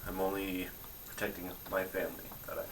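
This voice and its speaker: A man voicing a calm, guarded mother bear. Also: deep voice, fairly quick, a little hiss or hum, low-quality recording. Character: wary mother bear protecting her family.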